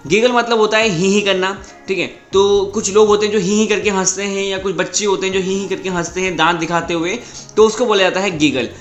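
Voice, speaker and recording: A male English teacher with a high-pitched voice works through vocabulary step by step, repeating each word and slowing right down for the example sentences. The room is echoey and faint music plays underneath. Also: fairly bright tone. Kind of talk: vocabulary lesson. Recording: roomy echo with faint background music.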